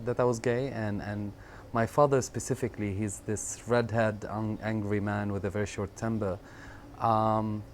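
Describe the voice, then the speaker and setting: A man in his thirties from Syria, telling his life story in an interview, reflective and halting, often repeating words and pausing on fillers. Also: fairly low pitch, a little mellow. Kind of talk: personal storytelling in conversation. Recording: faint background noise.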